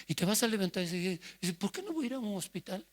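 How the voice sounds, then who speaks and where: A man preaching a sermon as pastor, moving from quiet asides to loud cries as he acts out the people he quotes. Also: sits high, very animated, quick pace. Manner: swings from soft asides to loud shouted quotes.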